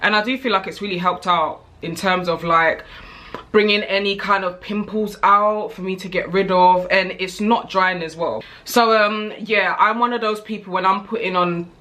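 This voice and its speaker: A woman's voice: medium pitch, fairly even intonation, moderate pace, pushed and bright. A British woman in her thirties chatting candidly to camera as a vlogger, rambling with frequent asides. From United Kingdom. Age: 30s. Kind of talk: casual chat to camera.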